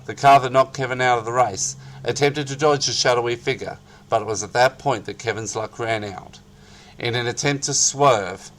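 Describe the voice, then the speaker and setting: A man narrating an article as a dramatic reading, with theatrical, hammy emphasis and drawn-out key phrases. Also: medium pitch, fairly bright tone.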